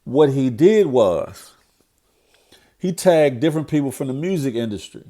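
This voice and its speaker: Here a middle-aged man with a cold-stuffed, nasal voice gives preachy, blunt commentary on the news as a vlogger. His voice sits at medium pitch with a mellow tone, very animated yet measured in pace. When fired up, he says things more than once.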